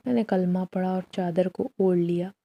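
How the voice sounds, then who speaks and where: A woman narrating a first-person horror story as a storyteller, in a slow, measured, solemn way. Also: on the low side, fairly even intonation, vocal fry, warm tone.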